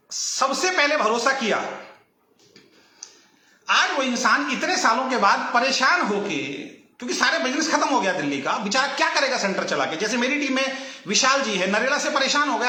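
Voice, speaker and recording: A man's voice: very high-pitched, pushed and bright, echoey room. A man hosting a live stream, talking at length in a teasing, mocking manner about nicknames and business rivals. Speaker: direct selling channel host.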